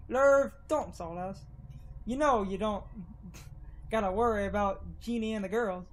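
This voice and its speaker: A woman voicing a gruff middle-aged male small-town cultist in a put-on deep Southern drawl, slow and matter-of-fact. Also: slight background noise, natural voice. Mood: grim.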